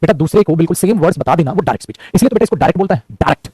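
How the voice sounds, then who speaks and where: A man a high voice and a very fast, rattling delivery teaches a grammar lesson online. He talks animation and repeats lines as he speaks to his students. The recording is dry and close. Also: animated, dark tone, slightly rough, dry recording.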